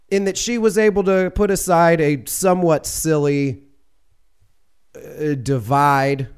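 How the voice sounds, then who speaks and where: A man with a slightly high, somewhat mellow voice that's clear and resonant hosts a casual sports podcast by himself. He rambles and cracks jokes, fixing his wording mid-sentence quite often.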